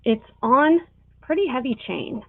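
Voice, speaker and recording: Lady auctioneer selling on a livestream, slow talker, kinda tinny phone sound. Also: high voice, lively intonation, no echo. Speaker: live sale auctioneer and seller. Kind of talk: auctioneer calling bids. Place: live online sale stream.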